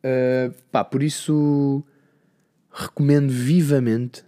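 A man's voice: mid-range voice, level tone, takes it slowly, mellow. A man with a European Portuguese accent chats casually as a solo podcast host, slangy, rambling and self-deprecating. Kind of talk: casual chat.

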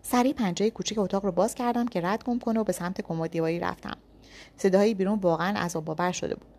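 A woman's voice: mid-range voice, steady tone, darkish tone. A woman reading a first-person thriller story aloud with tense, dramatic storytelling. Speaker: narrator.

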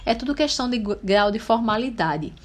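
A woman with a Brazilian Portuguese accent teaching English phrases, repeating each model sentence slowly and clearly. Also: a little high, expressive.

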